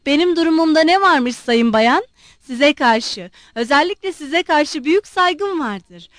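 A woman's voice: high voice, animated, measured pace, dry recording, studio quality, voice pushed up. A woman voicing an old retired general, blustering, pompous and roaring in indignant outbursts. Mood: ranting.

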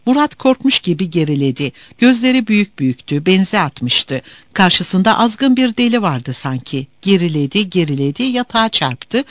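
A male narrator reads a story aloud with a dramatic, expressive delivery. His voice sits high and moves widely in pitch. The recording is dry and close. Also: moderate pace, few pauses, dry recording.

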